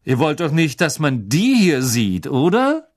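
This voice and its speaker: A man reading an audiobook, voicing a sneering, arrogant teenage wizard boy with a drawn-out, taunting delivery. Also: on the high side, huge pitch swings, pitched above the performer's own voice, exaggerated voice.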